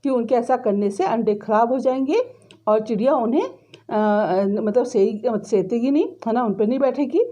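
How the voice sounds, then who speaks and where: A woman's voice: fairly high pitch, moderate pace, dark tone, dull audio. A woman teacher, reading a story to students, then retelling each line in simple words with frequent tag questions. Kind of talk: explaining a story lesson.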